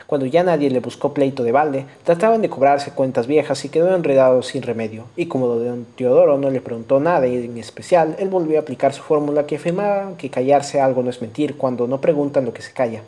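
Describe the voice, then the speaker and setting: Dark-voiced Peruvian audiobook narrator. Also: male voice, medium pitch. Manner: measured, storytelling. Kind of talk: scripted narration of a novel.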